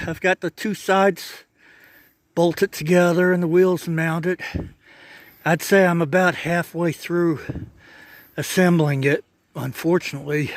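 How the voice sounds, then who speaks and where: A man narrating his own project vlog outdoors in a casual, halting way, thinking aloud as he works. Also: a little high, dry recording. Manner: chatty and halting, thinking aloud while working. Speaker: DIY vlogger. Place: outdoors by a driveway.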